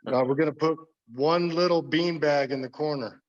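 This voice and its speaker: A man with a slightly hoarse voice, talking casually and haltingly as a tile installer walking someone through his work. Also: on the high side, dull audio. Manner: hesitant, halting. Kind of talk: casual informal walkthrough talk.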